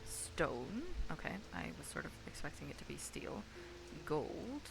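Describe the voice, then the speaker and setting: Woman streamer, casual gameplay chat, gravelly, music playing behind. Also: deep voice, big pitch swings, unhurried, poor audio. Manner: muses aloud, reads game text, chats to viewers.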